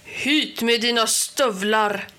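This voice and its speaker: A woman reading a storybook aloud, voicing a loud, taunting villainous male Christmas gnome chief. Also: a little high, lightly acted. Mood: bellowing.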